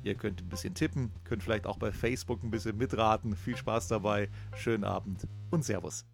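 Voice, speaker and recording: A man's voice: fairly low pitch, fairly even intonation, fairly quick, gravelly, over loud music. A man hosting a show in a casual announcing style. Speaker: show host. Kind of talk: casual programme sign-off.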